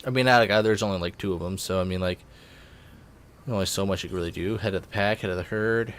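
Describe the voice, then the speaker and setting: A young man giving casual, rambling let's-play commentary, full of fillers and self-corrections, with excited bursts when something in the game surprises him. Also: low voice, quick pace, a little hiss or hum. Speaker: gaming YouTuber.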